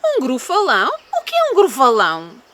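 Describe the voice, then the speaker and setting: A woman's voice: sits high, huge pitch swings, normal speed, a bit bright, a little hiss or hum, full character voice. A woman with a European Portuguese accent voicing a foolish, inviting, timid female owl in a storybook, with a coaxing, exaggerated manner. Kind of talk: storybook character voice.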